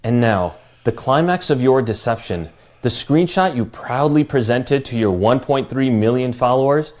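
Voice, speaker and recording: A man delivering a scripted response statement in a calm, well-spoken, measured way. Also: medium pitch.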